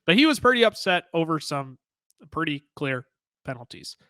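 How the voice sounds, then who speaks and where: Bright, excitable podcast guy. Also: fairly high pitch, moderate pace, no room sound. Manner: excitable, rambling with restarts. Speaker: podcast co-host. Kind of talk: casual sports talk.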